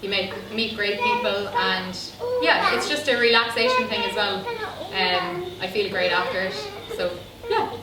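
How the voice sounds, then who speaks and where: A woman's voice: mid-range voice, sing-song, unhurried, hardly any pauses, a loud crowd. A young woman with a Cork Irish accent, a guest at an event, chatting casually with lots of ums. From Ireland (Cork). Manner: chatty, rambling, full of ums. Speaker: interview guest. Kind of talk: casual chat. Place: busy indoor function room. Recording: echoey room, distant mic, background noise.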